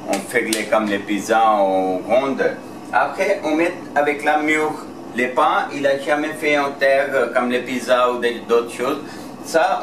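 A restaurant owner explaining his cooking in polite, halting French with grammar slips. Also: mid-range voice. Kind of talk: casual explanation. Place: outdoor terrace, then a tiled kitchen. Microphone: camera mic a few feet away. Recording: roomy sound with clear background noise.

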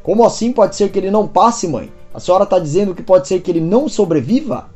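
Lady voicing a young guy freaking out about his secret, urgent inner thoughts, mellow voice. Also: medium pitch, animated, quick pace, soft background music, natural voice. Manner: urgent, tense inner monologue. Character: troubled young man hiding a secret.

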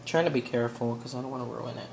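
A woman's voice: rumbling low, racing, gravelly, a little mellow, slight background noise. A young woman chatting casually as she cooks in her home kitchen for a vlog, rambling and giggly. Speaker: cooking vlogger.

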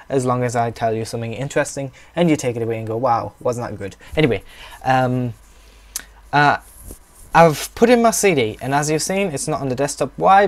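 A young man with a northeast English accent talks through a computer tutorial in a rambling, chatty way, with offhand asides. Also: mid-range voice. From northeast England. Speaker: tutorial maker. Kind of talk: casual screen-recorded tutorial.

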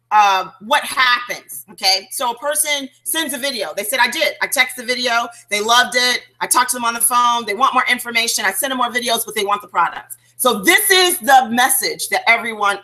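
A woman leading a sales training call, chatty and animated, telling stories with restarts and fillers. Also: a little high, a little fast, poor audio. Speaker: network marketing trainer.

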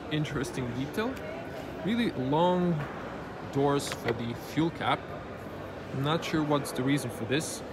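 Man reviewing a car at a noisy show. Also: mid-range voice. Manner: plain, matter-of-fact pointing out of details. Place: indoor auto show hall. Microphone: handheld camera. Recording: noisy auto show floor.

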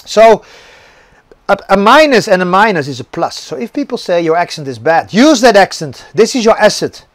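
A middle-aged actor and stuntman gives an earnest motivational talk to viewers in a high-pitched voice with big pitch swings, at normal speed and with no room sound. He often repeats words while searching for the right ones.

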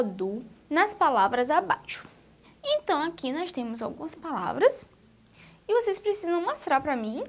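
A woman teaching young children a literacy lesson, drawing out words in a slow, sing-song way. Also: high voice. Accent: Brazilian Portuguese.

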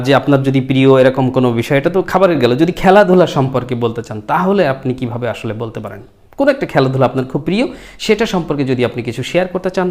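A male English teacher giving an online lesson, addressing the viewers directly and stretching out the model sentences slowly. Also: a little high. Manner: slow, drawn-out model sentences.

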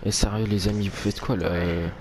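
A man's voice: fairly low pitch, fairly even intonation, brisk, a crowd in the background. A man doing casual, jokey, rambling let's play commentary as a spooked, grumbling horror game streamer who swears a lot. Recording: noisy home game recording. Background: horror game ambience.

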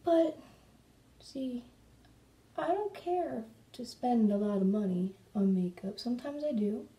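Female vlogger, chatty and rambling, low gravelly voice, roomy echo from a distant mic. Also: lively intonation, unhurried, dark tone. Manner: rambling, chatty, talks to her cat. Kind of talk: casual chat while doing makeup. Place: room at home. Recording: echoey room, mic at a distance.

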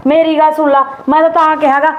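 A woman's voice: sits high, flat delivery, fast, lightly acted. A woman playing a stingy sister-in-law who nags and taunts. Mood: taunting. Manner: taunting, nagging. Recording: echoey room, dull sound, faint hiss.

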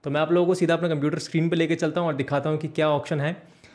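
Fast-talking young man hosting an explainer. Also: a little high. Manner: steady, brisk delivery mixing in English words. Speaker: channel host. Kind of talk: explainer talk to camera. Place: indoor studio with green backdrop. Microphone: desk microphone in front.

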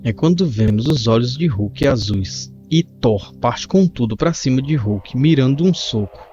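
Man narrating a comic, warm voice. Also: medium pitch, measured pace. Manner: steady storytelling, describing panels. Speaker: comic book reader. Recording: muffled lo-fi with faint music.

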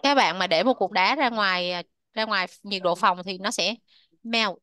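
This is a woman teaching English to young learners in a classroom. She works through a lesson step by step, drawing each word out slowly and repeating it for the class to echo. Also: mid-range voice, sharp tone.

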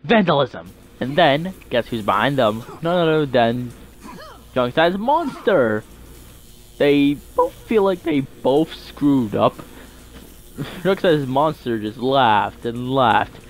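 Slow, rambling male gameplay narrator. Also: mid-range voice, very animated, a little hiss or hum. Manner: rambling, chuckling asides. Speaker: game video narrator. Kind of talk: casual improvised narration.

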